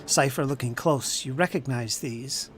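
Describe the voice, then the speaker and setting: Guy game-mastering a tabletop game, slow descriptive narration, mid pitch, faint hiss in the background. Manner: deliberate, descriptive, shifting pace.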